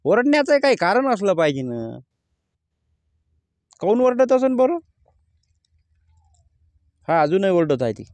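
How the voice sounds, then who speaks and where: A man's voice: high voice, big pitch swings, a little slow, pauses often, darkish tone, dry recording. A man, a farmer vlogging casually from his field and speaking bluntly about crop prices. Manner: plain-spoken, rising to angry complaint. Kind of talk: casual vlog talk to camera. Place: outdoors in a farm field.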